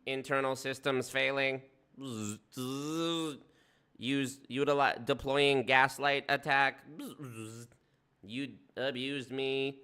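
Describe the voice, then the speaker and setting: A man's voice: medium pitch, slow pace, clean tone. A man voicing a malfunctioning male robot that buzzes and stutters as its systems fail. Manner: buzzing mechanical stutter, quiet and flat. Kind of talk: mocking impression during a video reaction.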